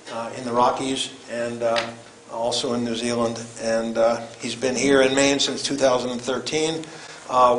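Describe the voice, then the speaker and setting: Older man, flat halting delivery, echoey room. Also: medium pitch. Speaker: event host introducing the speaker. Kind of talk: informal spoken introduction. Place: lecture room, standing away from camera. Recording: echoey room with background noise.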